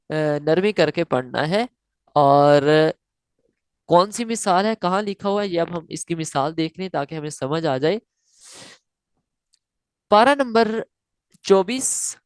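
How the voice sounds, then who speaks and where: A woman teaching Quran recitation in a slow, step-by-step lesson. She explains each rule, then chants the example slowly and repeats it. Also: deep voice, a little mellow, no echo, clean studio sound. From South Asia.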